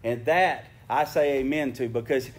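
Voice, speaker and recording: A man's voice: mid-range voice, normal speed. A man preaching a sermon, earnest and conversational, often repeating words as he restarts, then reading scripture and praying. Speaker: pastor. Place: church sanctuary.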